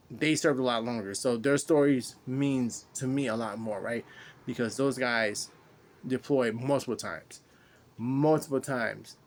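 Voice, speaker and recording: A man hosting a veterans' podcast, talking casually and from the heart in a rambling way, often restarting phrases and swearing. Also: mid-range voice. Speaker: podcast host, military veteran. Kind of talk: casual heartfelt monologue to listeners.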